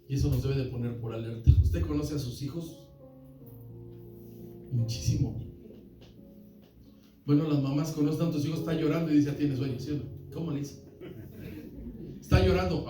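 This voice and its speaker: A man pastor preaching a sermon, often calling listeners brother and asking the congregation questions. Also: a little high. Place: church hall. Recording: echoey church hall, from far off.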